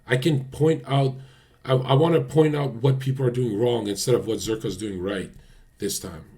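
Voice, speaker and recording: A man's voice: mid-range voice, fairly even intonation, moderate pace, warm tone. A man hosting a casual livestream, talking bluntly to his chat and swearing often. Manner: blunt, swears a lot, talks straight to chat. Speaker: livestream host.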